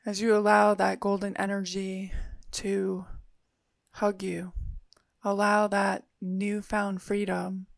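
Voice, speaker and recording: Creaky-voiced woman guiding a meditation. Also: mid-range voice, completely flat delivery, no room sound, studio quality. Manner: soothing, unhurried with long pauses. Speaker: guided meditation leader. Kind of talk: guided meditation narration.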